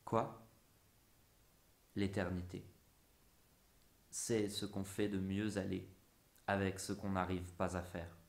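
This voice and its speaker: A man's voice: deep voice, little pitch movement, slow, gravelly, long pauses, darkish tone. A man reading a literary essay aloud in a musing, theatrical way. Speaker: narrator. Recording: roomy echo.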